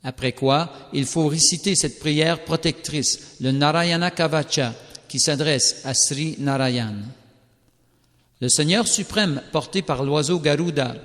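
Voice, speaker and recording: A man reads a sacred text aloud in a slow, solemn, carefully measured recitation. His voice sits a little higher than most men's, and a long reverb hangs after each phrase. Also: fairly bright tone. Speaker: scripture reader. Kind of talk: scripted scripture reading. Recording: long reverberant hall sound.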